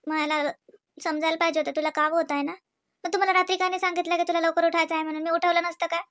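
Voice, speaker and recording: A woman's voice: very high voice, flat delivery, quick pace, a bit bright. A woman voicing a pleading cartoon wife. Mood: apologetic. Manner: pleading, sulky, repeats sorry. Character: apologetic young wife Rashmi, sulky and pleading. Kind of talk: cartoon voice acting.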